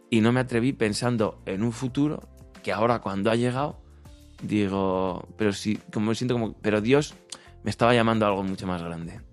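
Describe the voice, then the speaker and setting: A man speaks as a priest on a radio show. His voice is slightly low and resonant, and he exhorts in an earnest, conversational way over faint music. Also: clear, resonant tone. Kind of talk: conversational spiritual advice.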